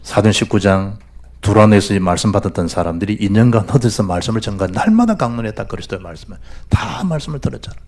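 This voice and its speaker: Animated Gyeongsang pastor preaching. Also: male voice, lowish voice, quick pace. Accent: Gyeongsang Korean. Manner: animated, swings between loud exhortation and hushed asides. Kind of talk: sermon. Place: church.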